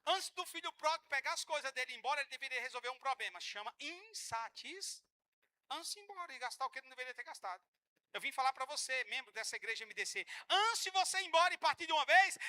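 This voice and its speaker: A lively male pastor delivering a sermon in church. His voice sounds bright and forceful, and his pitch swings widely as he acts out church members and jokes with the congregation. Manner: animated preaching, acting out quoted church members; joking with the congregation.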